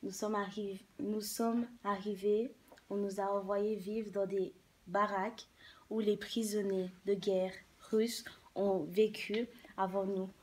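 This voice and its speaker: A woman playing a grieving Italian miner's widow in a news interview, speaking halting, emotional French with a foreign Italian accent. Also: mid-range voice, flat delivery, a little mellow, slight background noise, natural voice. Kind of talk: testimony in a staged news interview.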